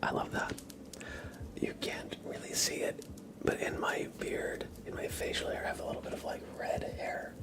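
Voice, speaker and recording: Mouth sounds are audible on the close microphone as a man hosting a livestream whispers ASMR-style, reading his chat aloud and thanking viewers. He keeps it soft and slow, chuckling lightly.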